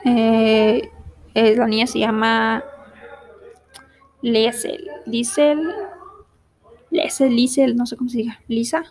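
A young woman talks to herself in a casual vlog, slowly and haltingly sounding out German and English words as she studies. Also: on the high side, fairly even intonation, a little mellow. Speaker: vlogger. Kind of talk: casual self-talk while studying languages.

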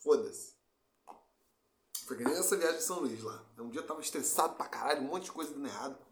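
A man's voice: a little high, lively intonation, quick pace, reverberant, noisy background. A man co-hosting a casual podcast chat, talking bluntly and swearing often, with frequent restarts. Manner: blunt and profane, many restarts. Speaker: podcast co-host.

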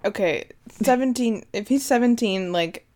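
A woman's voice: a little high, normal speed, darkish tone. A woman co-hosting a true-crime podcast, reacting and commenting sympathetically in casual chat. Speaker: podcast co-host.

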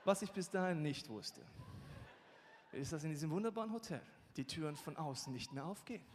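A man preaching a humorous sermon, telling a personal story in an animated way and acting out the scenes, sometimes shouting. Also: fairly high pitch, fairly quick, long reverb tail, a little hiss or hum.

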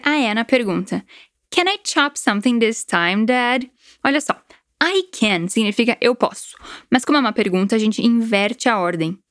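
Brazilian lady teaching english, chatty n encouraging, slightly high voice, dry sound. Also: no echo. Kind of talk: language lesson.

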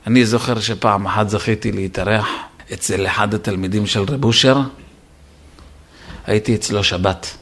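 A man's voice: fairly low pitch, fairly even intonation, a bit bright. A man, a rabbi, giving an emphatic Torah lesson, repeating his words for stress and addressing his listeners directly. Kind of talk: sermon.

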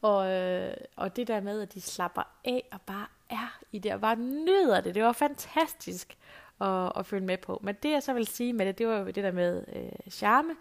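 A woman's voice: medium pitch, gravelly. Chatty woman telling a story. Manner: chatty anecdotal storyteller, many fillers. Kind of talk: casual storytelling monologue.

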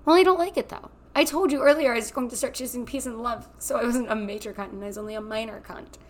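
A woman's voice: a little high, fast, a little hiss or hum. A young woman with a slightly raised voice, co-hosting a podcast from her kitchen table at home. She talks bluntly and sardonically, tossing in crude jokes. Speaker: podcast co-host. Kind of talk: casual chat.

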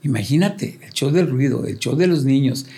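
An older man telling lively stories as a band member, acting out quoted voices and sound effects in casual talk. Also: mid-range voice, moderate pace, gravelly. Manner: animated storyteller, acts out quotes and sound effects. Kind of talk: casual storytelling interview.

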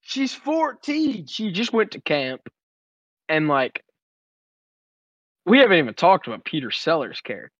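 A young man casually retelling a film plot on a podcast, crude and animated, slipping into quoted voices. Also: a little high, a little slow, pauses often, slightly rough, no room sound. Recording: dull lo-fi dry sound.

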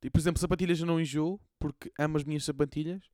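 A young man with a European Portuguese accent, co-hosting a casual podcast chat, slangy and quick to laugh. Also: on the high side, fairly even intonation, a little mellow, no echo, studio quality. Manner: slangy and swearing, laughs easily. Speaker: podcast co-host.

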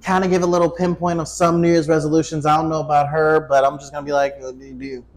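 This podcast host, a man in his twenties, talks fast in a voice on the high side. The chat is casual, peppered with jokes and free swearing, and he keeps animatedly interrupting himself.

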